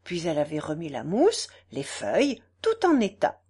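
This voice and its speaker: A woman narrating a classic novel aloud as an audiobook, in an expressive, measured reading. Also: sits low, breathy edge.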